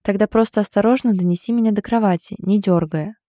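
A woman voicing a tipsy, sulky young woman who answers with huffy sarcasm, a little higher and louder than her narration. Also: fast talker, no echo, studio quality, close to an everyday voice. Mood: sulky, sarcastic.

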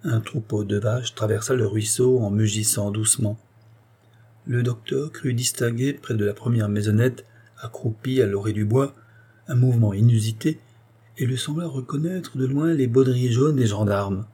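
A man reading a classic story aloud as an audiobook narrator, in a measured storytelling manner. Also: mid-range voice, warm tone, husky. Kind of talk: scripted narration.

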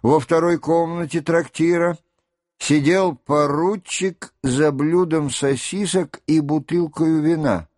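A man narrates an audiobook at a very unhurried pace, his voice sitting a little higher than most. The recording is dry and close, with no room sound. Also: steady tone, a little mellow, dry recording. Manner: slow, measured reading. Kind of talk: scripted narration.

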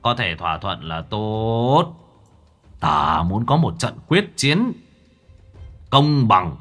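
A man's voice: fairly low pitch, big pitch swings, a bit bright, faint music behind, exaggerated voice. Man voicing Lão Cửu, menacing old sorcerer ghost. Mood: scheming. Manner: slow, menacing, cackling. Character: evil centuries-old male sorcerer ghost, scheming.

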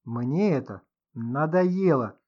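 A man's voice: mid-range voice, expressive, slow pace, dull audio. A man doing a curt, irritated tough guy. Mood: impatient. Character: angry blunt man, impatient and businesslike.

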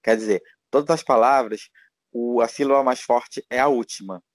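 A man's voice: mid-range voice, moderate pace, no room sound. Rambling Brazilian man, dry sound. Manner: rambling, many fillers and restarts. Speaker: guest, teacher living abroad. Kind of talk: casual interview chat.

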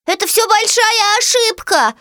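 A woman's voice: very high voice, a little slow, pushed and bright, dry recording, studio quality, pitched above the performer's own voice, heavily acted. A woman voicing a small, timid female pug puppy in a storybook, pleading and whimpering. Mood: eager. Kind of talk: storybook reading.

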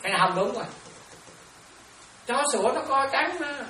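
A Buddhist nun delivers a dharma talk, often stopping to ask her listeners whether they follow. Her woman's voice swings widely in pitch. The sound is distant and roomy, with faint ambience behind it. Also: animated, brisk, pushed and bright, slight background noise. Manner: questioning listeners often, repetitive. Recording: echoey room, distant mic.

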